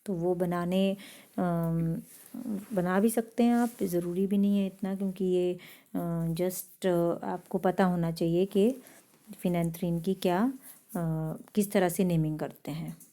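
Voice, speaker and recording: A woman's voice: fairly low pitch, fairly even intonation, slow, warm tone. A woman teaching a chemistry lesson, explaining step by step and often checking that her students have understood. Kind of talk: classroom lecture.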